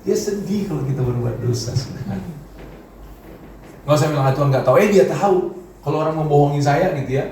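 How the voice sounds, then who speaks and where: Pastor preaching in an echoey church. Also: male voice, fast, pauses often, mellow, slight background noise. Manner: conversational preaching with dramatic pitch swings. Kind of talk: sermon. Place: large church hall. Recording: very echoey hall from far off.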